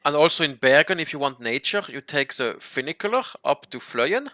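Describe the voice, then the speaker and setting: A man hosting a casual chat, halting and restarting often as he explains local words. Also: a little high, sing-song, pushed and bright, no room sound, clean studio sound. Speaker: host.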